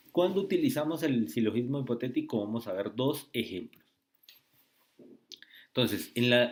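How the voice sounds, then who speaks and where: A man tutoring logic in a screen-recorded lesson, speaking slowly and often checking with "¿sí?" and "¿listo?". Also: medium pitch, a little mellow. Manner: slow, repetitive, asks rhetorical checks.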